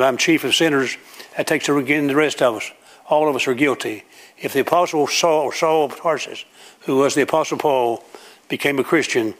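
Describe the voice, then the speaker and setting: A man preaching a sermon to a congregation, telling homely stories and acting out everyday scenes. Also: medium pitch. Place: church room with a congregation.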